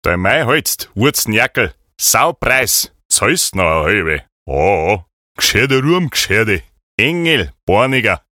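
A man's voice: on the low side, very animated, slow, sharp tone, no room sound, studio quality, full character voice. A man playing a grumbling, cursing character with a Bavarian accent.

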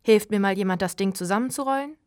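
A woman reading aloud, voicing a bossy, energetic girl who leads her gang. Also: medium pitch, no room sound, clean studio sound, lightly acted. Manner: brisk, commanding, quick.

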